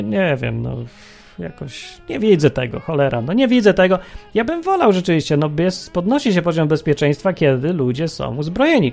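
A man's voice: high voice, a little mellow. A man hosting a radio talk show, delivering an opinionated, sarcastic monologue with mocking exclamations.

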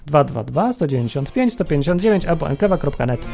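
A man's voice: fairly high pitch, animated, fast, gravelly, music in the background. A man hosting a radio talk show, delivering an opinionated, sarcastic monologue with mocking exclamations.

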